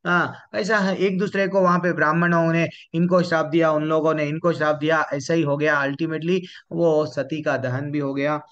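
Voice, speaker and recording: Bright, high-voiced man teaching scripture. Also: fairly even intonation, moderate pace, few pauses. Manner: repetitive, asks and answers his own questions. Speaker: scripture class speaker. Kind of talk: devotional storytelling class. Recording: muffled lo-fi recording.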